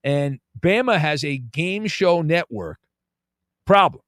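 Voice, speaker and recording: A man hosting a sports talk show, animated and joking as he riffs. His pitch swings widely and sits a touch high for a man. The sound is close and dry. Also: slow pace, dry recording. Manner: animated, joking, repeats words when starting. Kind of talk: casual sports talk commentary.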